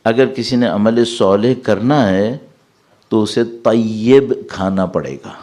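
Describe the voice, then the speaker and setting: A man giving a sermon as a cleric, explaining verses and asking his listeners rhetorical questions. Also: fairly low pitch. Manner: lively, rising sharply when reciting Arabic verses; asks the audience rhetorical questions. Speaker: Shia cleric.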